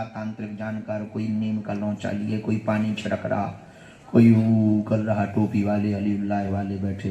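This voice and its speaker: A man preaching a sermon, telling a folksy story with chuckling asides and sudden loud exclamations. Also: on the high side, reverberant. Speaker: spiritual preacher.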